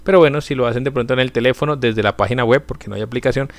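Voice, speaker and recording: Racing through a website walkthrough, a young channel host explains each step casually, dropping in everyday fillers. His pitch is middling and unremarkable, and he sounds close to the mic in a small room for this screen-recorded tutorial.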